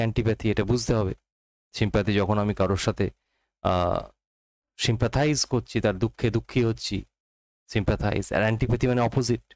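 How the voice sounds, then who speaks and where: Male tutor, Bengali accent, slow exam-prep lesson delivery, low voice. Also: no echo, poor audio. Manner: reads quotations slowly, explains rapidly in Bengali mixed with English. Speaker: teacher.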